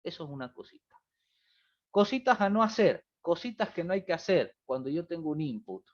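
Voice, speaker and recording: A man teaching a programming class over a video call, his pitch rising and falling a lot as he talks. The audio is muffled and lo-fi. He explains patiently and keeps checking that students follow. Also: big pitch swings, moderate pace. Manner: explanatory, repeats "fíjense" and "¿bien?". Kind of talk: online review class.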